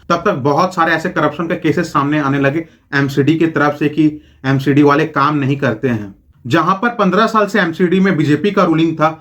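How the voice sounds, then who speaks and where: A man's voice: on the high side, a bit bright. Opinionated man explaining politics. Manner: opinionated, with rhetorical questions. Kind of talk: scripted political commentary.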